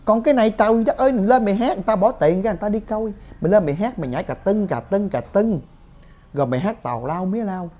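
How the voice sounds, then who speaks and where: A woman's voice: medium pitch, expressive, fast talker, mellow. A woman, ranting in commentary to her viewers, indignant and full of exclamations. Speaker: gossip commentator.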